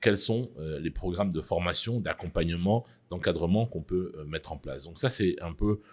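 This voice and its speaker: Deep-voiced middle-aged guy giving careful interview answers, lots of pauses and ums. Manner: measured, hesitant with frequent fillers. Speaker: interviewee, mining executive.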